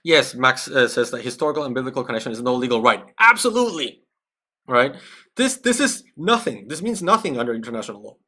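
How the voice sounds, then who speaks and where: A man's voice: mid-range voice, animated, fast, sharp tone. A man from Peru giving conversational, analytical commentary on a live stream, often checking in with "right?". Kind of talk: live-stream commentary reacting to a video with chat.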